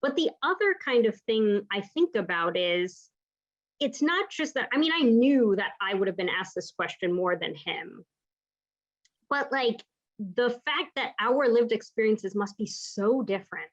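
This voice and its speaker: An American palliative care clinician from the Pacific Northwest tells a story from her practice during a lecture, reflective and conversational, often checking in with "right?". Her voice is a little high with lively intonation, and she speaks unhurriedly. The audio sounds dull.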